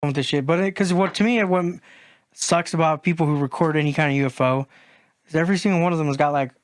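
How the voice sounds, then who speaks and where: A man's voice: a little high, fast talker, no echo, studio quality. A man co-hosting a podcast, talking casually with many fillers and curses. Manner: hesitant with many fillers, swears. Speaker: podcast co-host. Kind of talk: casual chat.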